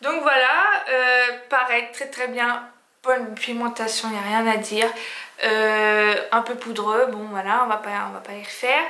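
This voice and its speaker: A woman's voice: fairly high pitch, fairly even intonation, unhurried, pushed and bright. A woman reviewing makeup in a casual vlog, talking hesitantly with many fillers and restarts. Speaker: beauty vlogger. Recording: echoey room.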